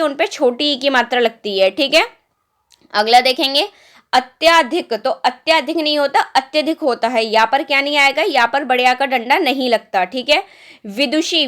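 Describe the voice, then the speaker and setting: A woman's voice: high-pitched, fairly bright tone. A young woman teaching Hindi spelling for competitive exams, patiently repeating each word and asking rhetorical questions. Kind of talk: exam-prep spelling lesson.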